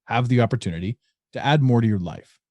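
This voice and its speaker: Male podcast host, dry close sound, mid pitch, storytelling, casual. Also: fast talker, dry recording, muffled recording. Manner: tells stories with analogies, animated retelling.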